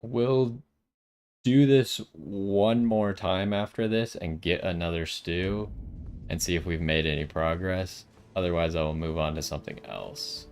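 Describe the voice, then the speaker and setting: Low-voiced man musing over a game. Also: steady tone, a little slow, darkish tone. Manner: musing, asking himself questions. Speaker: gaming video host. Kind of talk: casual gameplay commentary, thinking aloud.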